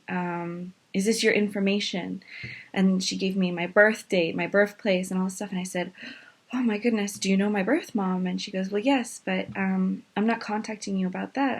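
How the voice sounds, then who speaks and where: A woman in her twenties from Maine, telling her own story in a casual, animated way, with many fillers and quick rushes of words. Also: mid-range voice. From Maine, USA. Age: 20s.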